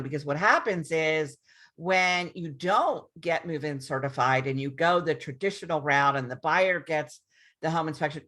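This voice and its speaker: Her voice sits low and sounds a bit bright as this woman realtor talks casually to viewers in a screen-share recording. Chatty and prone to repeating herself, she restarts often and sprinkles in many ums.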